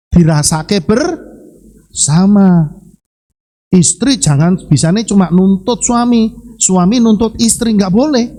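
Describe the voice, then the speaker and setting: Male pastor, Javanese accent, lively sermon delivery, rhetorical questions to the congregation, pitch swooping high and low. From Central Java, Indonesia.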